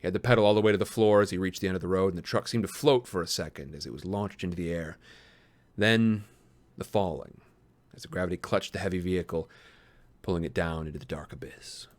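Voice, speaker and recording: Deep-voiced man narrating a suspenseful dramatic story. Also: dry recording. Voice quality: deep, lumberjack-like. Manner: hushed, measured, suspenseful. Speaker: narrator of a submitted script.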